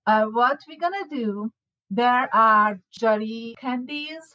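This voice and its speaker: A woman's voice: a little high, slow pace, sharp tone, no echo, low-quality recording. A woman from Hungary with a Hungarian accent, chatting casually as a baking class teacher, laughing often and restarting her words. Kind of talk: casual chat.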